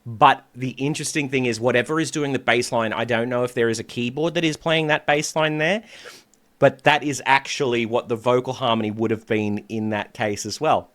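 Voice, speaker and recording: A man's voice: medium pitch, fairly even intonation, a little fast, fairly bright tone. A man working as a vocal coach, chatting through a music reaction and breaking down the harmonies as he listens.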